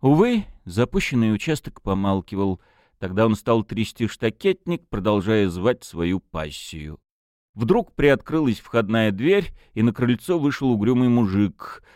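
A man narrating an audiobook in an expressive storytelling manner. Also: on the low side, a little slow, dry recording, studio quality.

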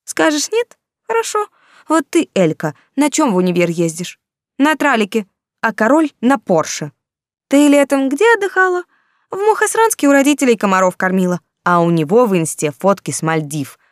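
A woman voicing a brash, bossy young woman student in an audiobook, loud, scolding and sarcastic. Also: fairly high pitch, very animated, normal speed, no room sound, clean studio sound. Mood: mocking. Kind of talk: audiobook character voice.

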